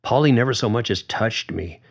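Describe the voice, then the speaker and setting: A man's voice: medium pitch, expressive, moderate pace, husky, voice pushed up. A man voicing an angry young woman who talks in a firm, clipped, seething way.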